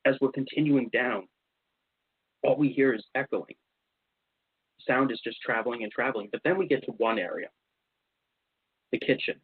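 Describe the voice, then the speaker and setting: Telling investigation stories on his radio show, a man speaks at a moderate pace with frequent pauses, his husky voice pitched in the middle. He's casual and animated, voicing other people's lines, and the recording is dry, with no room sound, but a little dull and lo-fi like radio.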